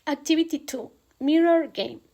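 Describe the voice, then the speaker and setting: A young woman giving a recorded class presentation on teaching pronunciation, pausing often with hesitant "eh" fillers. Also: high voice, vocal fry, mellow. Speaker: student presenter.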